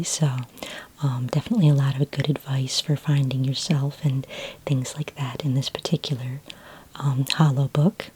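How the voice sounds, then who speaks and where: In a low-pitched, soft, breathy near-whisper, a woman unhurriedly plays a friendly, helpful librarian for an ASMR roleplay, keeping her delivery gentle.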